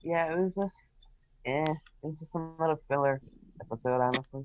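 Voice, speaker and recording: A man with a slightly high voice talks bluntly and offhandedly. His audio sounds dull and lo-fi, as if from a cheap mic. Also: fairly quick, crowd noise. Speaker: podcast co-host. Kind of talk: casual podcast chat.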